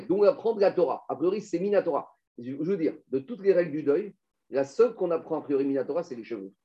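Male Talmud teacher, high mellow voice, questioning style, dull lo-fi recording. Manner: explains step by step, asks students questions. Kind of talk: Talmud class.

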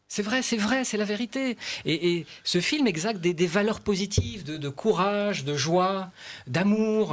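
An enthusiastic male film critic talks on a chat show. His voice sits a little high, and he gushes with delight as he tells an anecdote. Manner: enthusiastic, gushing storyteller. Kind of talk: radio film review chat.

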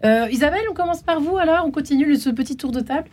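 A woman's voice: high-pitched, rapid-fire, darkish tone, a little hiss or hum. A woman hosting a radio talk show in a studio, enthusiastic and chatty with many fillers. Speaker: radio host. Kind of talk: casual studio chat.

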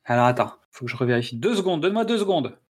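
This podcast host is a man reviewing films casually in a husky, sing-song voice at a rapid-fire clip. His mid-range delivery is hesitant, packed with "euh" and frequent restarts.

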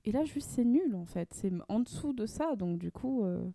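A woman's voice: on the high side, animated, moderate pace, vocal fry, dark tone, no room sound. Young female co-host, loose rambling delivery, dry booth sound. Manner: rambling, many fillers and restarts. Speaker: podcast co-host. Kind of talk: casual chat.

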